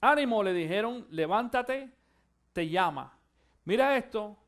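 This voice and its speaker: A male pastor preaching a sermon, shifting from quiet musing to loud, fervent exhortation and urging his listeners to listen. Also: high-pitched, animated, measured pace. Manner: addresses listeners directly, urging them to listen.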